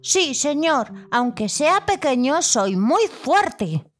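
A woman voicing a tiny, brave little boy in a children's story, with a high, slow, sing-song child voice. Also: animated, soft background music. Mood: cheerful. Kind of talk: storybook acting.

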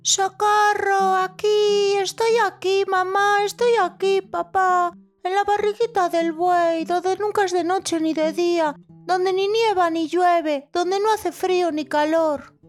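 A woman voicing a tiny, brave little boy in a children's story, with a high, slow, sing-song child voice. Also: expressive, faint music behind. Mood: crying for help. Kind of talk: storybook acting.

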